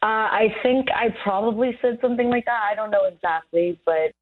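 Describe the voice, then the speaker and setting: A woman's voice: a little high, fairly quick. A woman on speakerphone, called into a radio show, talking in a hesitant, rambling way with many fillers. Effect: heard over speakerphone on a phone line. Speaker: radio show call guest. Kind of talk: casual phone chat. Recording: tinny phone line.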